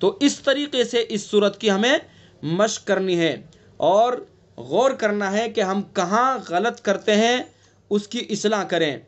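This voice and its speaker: A male recitation teacher giving an online lesson, explaining patiently and breaking into long drawn-out chanted recitation. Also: sits high, animated. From India.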